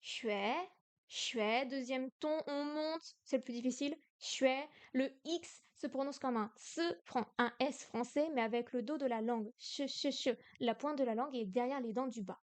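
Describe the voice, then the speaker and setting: A woman's voice: high voice, moderate pace, hardly any pauses, a little mellow. A young woman from France in a casual livestream study session, repeating syllables aloud and exaggerating the tones. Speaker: streamer learning Chinese.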